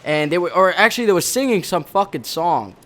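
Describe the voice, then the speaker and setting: A man's voice: high voice, very animated, fairly quick, a bit bright. Rambling, foul-mouthed young man from the Bronx. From the Bronx, New York. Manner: rambling, heavy swearing, frequent self-corrections. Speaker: former Marine storyteller. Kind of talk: casual profane storytelling over gameplay.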